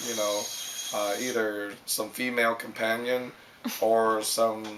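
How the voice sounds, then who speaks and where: A middle-aged man from Vietnam, recalling his youth in an oral history interview, in a halting way full of ums and uhs. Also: mid-range voice, noisy background.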